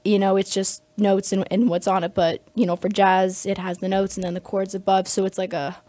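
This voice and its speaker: A woman's voice: mid-range voice, little pitch movement, a little fast, dark tone, dry recording. A young adult woman, a music student, answering interview questions in a chatty, rambling way full of fillers. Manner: chatty, rambling, heavy with "like" and "you know".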